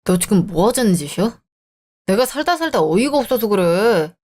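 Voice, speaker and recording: A woman's voice: medium pitch, sing-song, normal speed, lightly acted. A woman voicing a dismissive selfish husband. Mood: scornful. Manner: dismissive, irritated, sarcastic. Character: selfish young married man, eldest son. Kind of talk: dramatized story reading.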